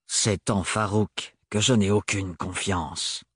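Guy doing a stern tall nobleman, low, curt and hard, kinda husky, dry audiobook sound. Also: level tone, unhurried, no room sound, full character voice. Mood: cold, curt.

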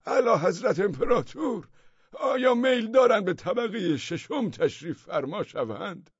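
A man voicing a shrewd, wily old man who speaks in courtly, mock-formal flattery. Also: sits high, gravelly, husky, no room sound, pitched above the performer's own voice, heavily acted. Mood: flattering. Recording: dull, dry, with faint music.

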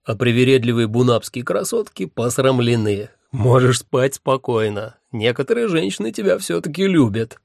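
A man's voice: mid-range voice, sing-song, moderate pace, gravelly, few pauses, darkish tone, dry recording. An amused demon mocks his friend, in a man's reading voice. The tone is teasing, recorded dry and close. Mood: mocking. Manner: mocking, amused. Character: mocking, laughing male demon.

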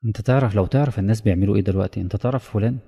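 A man with an Egyptian accent giving a religious lesson in lively storytelling style, acting out little dialogues. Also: lowish voice, racing, gravelly, slightly rough. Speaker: preacher. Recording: long hall reverb.

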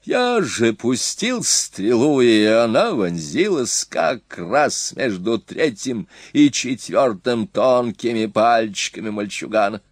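A man voicing a hot-tempered, boastful young Hun prince in an audiobook, talking excitedly with a rising pitch. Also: slow pace, hardly any pauses, dry recording, clean studio sound. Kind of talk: audiobook character voice.

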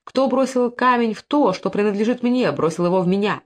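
A man's voice: sits high, fairly quick, voice pushed up, close to an everyday voice. A woman reading an audiobook, voicing a young hot-tempered prince with a commanding manner. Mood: vengeful.

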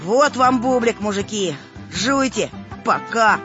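Woman voicing teasing schoolboy, riddle-poser, a bit bossy, lively pitch, faint music. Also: slow. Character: boy who poses riddles, a bit of a show-off. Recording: dull recording with faint music.

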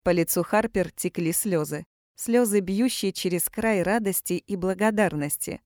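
A woman narrating an audiobook romance in a calm, measured reading style. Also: mid-range voice, no echo, clean studio sound. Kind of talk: scripted narration.

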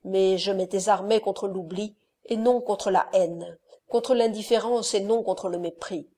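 A woman's voice: medium pitch, steady tone, dark tone, natural voice. Woman reading as a dignified wronged countess. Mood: firm. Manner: firm, measured, dignified.

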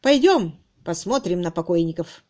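A woman voicing an angry gentleman who scolds his manservant in an audiobook. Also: on the low side, expressive, normal speed, close to an everyday voice. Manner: sharp, scolding.

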